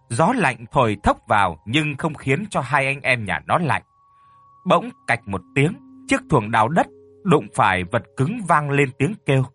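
A man's voice: medium pitch, no echo. Man telling a village horror story. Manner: lively storytelling delivery. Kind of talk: scripted horror story narration. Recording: dry close mic with faint music.

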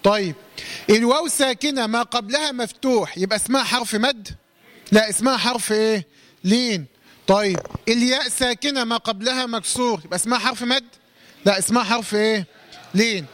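A man with an Egyptian accent teaching a Quran recitation lesson. He quizzes his listeners, answers his own questions and draws out words slowly to demonstrate them. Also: extremely high pitch, a bit bright. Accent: Egyptian Arabic. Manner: slowly drawn-out recitation demos.

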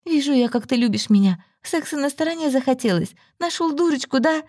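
Brief: betrayed young woman, indignant and sharp, as a woman narrator puts her on, dry close mic. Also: sits high, animated, a little fast, dry recording, voice pushed up. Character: hurt young woman, angry and tearful. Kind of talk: audiobook story reading.

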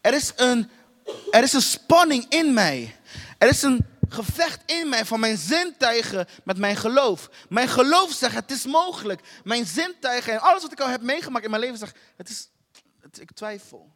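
High-voiced man preaching in a reverberant hall. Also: animated, moderate pace, fairly bright tone. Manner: repetitive, emphatic, rhetorical questions to the congregation. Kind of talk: sermon.

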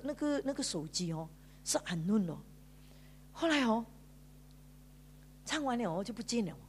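A woman's voice: on the high side, darkish tone, slight background noise. Malaysian woman pastor preaching a testimony. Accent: Malaysian Mandarin. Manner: storytelling with drawn-out sentence particles, mixing in English words. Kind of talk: emotional sermon testimony. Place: church.

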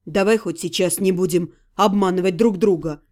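A woman voicing a tender, protective male necromancer in an audiobook, speaking low, soft and soothing. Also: steady tone, normal speed, natural voice. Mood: gentle, soothing.

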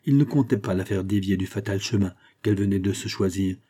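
A man narrating a classic novel as an audiobook, in a steady, measured storytelling voice. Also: low-pitched, husky. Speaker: audiobook reader.

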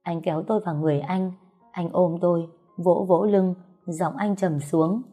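A woman narrating a first-person story in a steady, melancholy way, with soft music behind. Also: lowish voice, moderate pace.

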